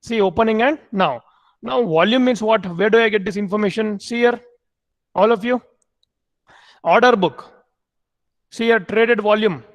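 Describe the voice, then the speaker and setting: A man's voice: high-pitched, moderate pace, long pauses, dull audio. A man lecturing an online MBA class, repeating key points and quizzing students with questions.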